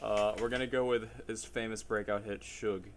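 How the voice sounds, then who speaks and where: Deep-voiced teasing man host. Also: little pitch movement, moderate pace, a little hiss or hum. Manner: teasing, laughing, swears casually. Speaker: podcast host. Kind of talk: casual chat.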